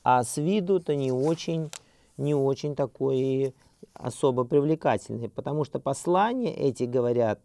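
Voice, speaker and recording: A middle-aged man teaches a seminary class without a script, pausing on fillers and restarting his sentences as he works through his thoughts. His voice is gravelly and dark, recorded dry with no room sound. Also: mid-range voice, no echo. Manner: hesitant, many fillers and restarts, slows to read scripture aloud. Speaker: seminary lecturer. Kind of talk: unscripted academic lecture.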